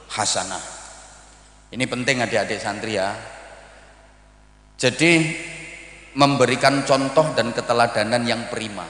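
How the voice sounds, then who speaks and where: A middle-aged man with an East Javanese accent, preaching a humorous sermon to students and acting out greetings in lively voices. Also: mid-range voice. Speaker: Islamic preacher. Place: large hall at a boarding-school event. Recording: echoey hall with long reverb.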